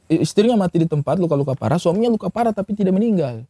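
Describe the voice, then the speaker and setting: An Indonesian man in casual podcast chat, talking quickly and chattily about a film. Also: high-pitched, expressive, dark tone, a little hiss or hum.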